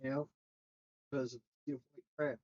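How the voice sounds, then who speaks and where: A man's voice: mid-range voice, flat delivery, extremely slow, a little mellow, highs cut off. A man chatting casually as a friend on a gaming stream, mostly giving short, laid-back reactions. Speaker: co-host friend.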